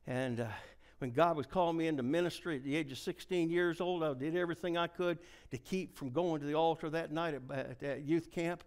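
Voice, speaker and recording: A middle-aged man preaching a revival sermon, telling folksy stories and swinging from hushed near-whispers to shouted climaxes. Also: on the high side, a little fast, hardly any pauses, clear, resonant tone.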